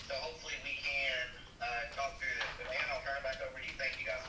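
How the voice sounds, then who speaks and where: A man's voice: mid-range voice, little pitch movement, quick pace, over music. Man heard over a distant speakerphone. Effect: heard through a phone on speakerphone. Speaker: applicant calling in to a board meeting. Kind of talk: casual phone call. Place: played into a meeting room from a speakerphone. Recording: distant, echoey, noisy speakerphone in a meeting room.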